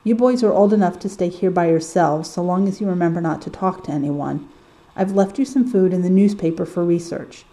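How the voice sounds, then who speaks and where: Woman reading as a gruff middle-aged dad, stern hunter, firm curt orders, mellow low-toned voice, audiobook. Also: brisk, close to an everyday voice.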